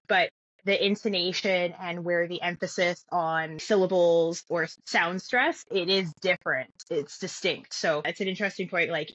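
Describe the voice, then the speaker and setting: A woman guest talks things through in a fairly low voice, pausing and restarting as she thinks. The audio is dull and lo-fi, with a close, dry sound and no room around it. She sounds like she is joining by video call. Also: fairly bright tone, no room sound. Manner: thoughtful, with frequent restarts. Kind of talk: conversational interview.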